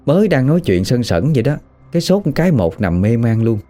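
A man telling a ghost story in a lively, animated way. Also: mid-range voice, fast, soft background music.

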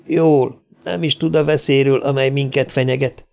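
A man's voice: mid-range voice, fairly even intonation, creaky, darkish tone, lightly acted. A man voicing an anxious, fretful older male farmer and father in an audiobook.

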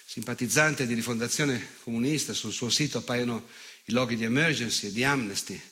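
A mid-range, sharp-toned but natural male voice carries this theatrical monologue of a nostalgic, self-righteous fascist veteran who regrets nothing. He sounds boastful and scornful, cruel throughout, dropping sarcastic rhetorical questions between loaded pauses.

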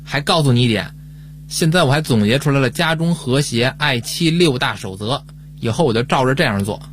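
A man's voice: medium pitch, expressive, brisk, slight background noise. Playful male radio host. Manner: playful, joking. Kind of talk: casual chat.

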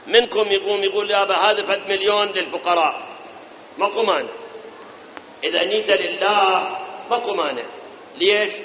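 A man with an Iraqi Arabic accent preaching a sermon. He asks his listeners rhetorical questions, speaks to them directly and chants scripture verses slowly. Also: high-pitched, bright, forceful tone. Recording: echoey hall, dull lo-fi sound, faint noise.

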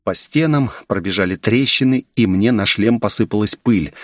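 A man reading a first-person action story in a steady, measured storytelling manner. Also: on the low side, no room sound, clean studio sound. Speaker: audiobook narrator. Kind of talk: first-person audiobook narration.

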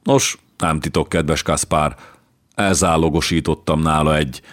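A man's voice: very deep voice, fairly even intonation. A man voicing a cheerful, spendthrift old king who turns sheepish and evasive, in an audiobook reading. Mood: jovial.

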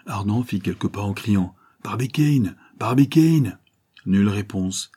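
A man narrates a classic adventure novel at a measured, even pace. His voice sits low and mellow, with a husky grain that softens every line. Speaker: audiobook narrator.

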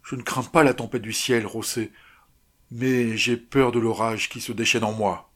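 A guilt-stricken lieutenant, jittery and afraid, as a man reads him. He talks slowly, with a husky edge, breaking into frantic outbursts. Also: mid-range voice, steady tone, a bit bright. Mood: fearful. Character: terrified male lieutenant haunted by guilt.

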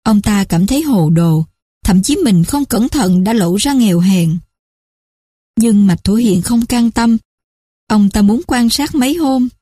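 A woman narrating a story in a steady, measured reading. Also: medium pitch, dry recording, clean studio sound.

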